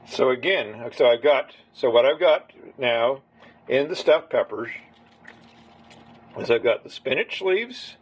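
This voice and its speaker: A man's voice: medium pitch, animated, takes it slowly, breathy edge. A man casually talking viewers through a home recipe step by step, in a rambling, chatty way. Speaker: home cook. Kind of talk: casual cooking demonstration.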